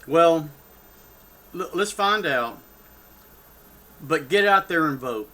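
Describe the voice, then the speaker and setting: Slow-paced yet animated, this older Texan political vlogger has a fairly high voice that sounds pushed and bright. His off-the-cuff rant on his own channel is heated and rambling, broken up by restarts and asides.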